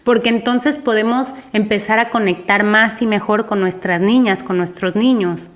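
A woman's voice: mid-range voice, fairly even intonation, normal speed. A woman hosting a parenting podcast, speaking in a reflective, conversational way and affirming her guest. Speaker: podcast host.

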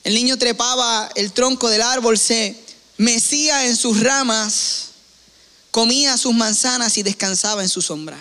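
Brief: male preacher, unhurried sermon storytelling, lots of hall reverb. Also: extremely high pitch, pushed and bright, clear, resonant tone. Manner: slow, deliberate, with pauses.

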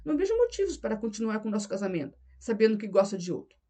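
A woman's voice: medium pitch, sing-song, rapid-fire, mellow. A woman reading the lines of a tense husband in an audiobook, pressing his wife with accusing questions. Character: tense, pressing married man, middle-aged.

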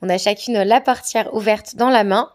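A woman from France tells a personal anecdote to camera in a candid, hesitant, conversational way. Her voice is mid-range and her speed is normal.

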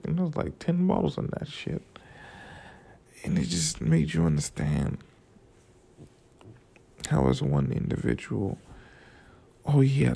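A young male vlogger from Florida, groggy with morning voice, rambles casually and profanely about work and money, drifting loosely between stories and life lessons. His voice sits in the mid-range, gravelly and slightly rough, with a dark tone.

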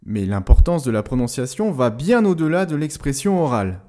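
Lively-voiced man teaching pronunciation. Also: mid-range voice. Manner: clear, didactic, slows down to model pronunciations. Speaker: language-learning podcast host. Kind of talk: scripted educational narration.

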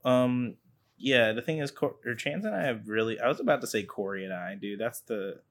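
A man's voice: medium pitch, a little fast. A young man co-hosting a casual podcast, rambling with lots of fillers and laughs. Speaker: podcast co-host. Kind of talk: casual chat.

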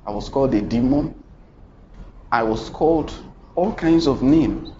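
A man preaching a sermon, dramatic, swinging between loud and hushed and asking the congregation questions. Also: mid-range voice, unhurried, slight background noise. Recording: muffled recording with faint ambience.

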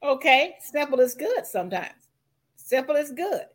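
A woman hosts a podcast, introducing a guest and questioning them in a conversational interview style. Her voice is high and sing-song, at a normal speed.

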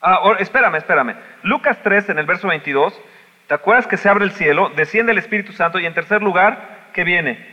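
A man preaching a sermon as pastor, swinging between loud cries and soft asides. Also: sits high, brisk, long reverb tail, dull audio. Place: church sanctuary.

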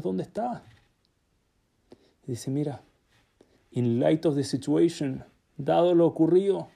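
A man telling a religious story as a sermon, acting out the characters' dialogue in an animated way. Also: fairly high pitch, vocal fry.

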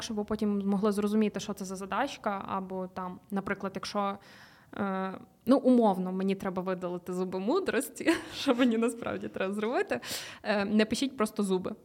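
A young woman talks through a method in a casual podcast chat. Her voice sits at a middle pitch, relaxed and full of fillers. She explains step by step and swears now and then. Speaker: podcast co-host.

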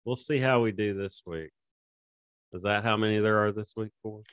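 A man with a lowish voice co-hosts a sports podcast in casual chat. He laughs a lot and breaks off his own sentences. The sound is dry and close to the mic. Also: moderate pace, a bit bright, smooth, no echo. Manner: laughs often, rambling and self-interrupting. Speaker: podcast co-host.

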